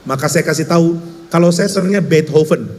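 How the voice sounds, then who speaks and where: Man from Indonesia, preacher, fairly high voice, long hall reverb, emphatic storytelling. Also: a little fast, slight background noise. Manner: lively storytelling, wry and emphatic. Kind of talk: conversational sermon.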